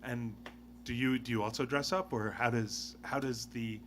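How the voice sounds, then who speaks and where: A man hosting a live podcast, asking easygoing, halting questions and laughing along. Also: medium pitch, fairly even intonation, fairly bright tone, a little hiss or hum. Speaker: podcast host. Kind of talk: casual interview chat.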